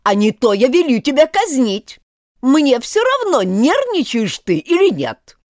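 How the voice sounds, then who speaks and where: A woman voicing a stern, threatening king who barks orders loudly. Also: high voice, sing-song, measured pace, no room sound, clean studio sound, voice pushed up. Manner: loud, blustering commands.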